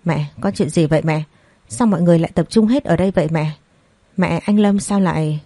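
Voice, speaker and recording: A woman's voice: on the low side, fairly quick, mellow, no echo. A woman reading the part of a distraught young bride, pleading in anxious questions. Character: distraught young bride searching for her fiancé.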